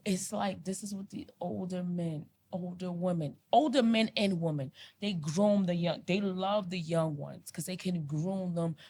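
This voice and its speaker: With a fairly low, darkish and slightly rough voice, a woman co-hosts an earnest podcast discussion. She speaks passionately and pleads with listeners, going over the same points again and again.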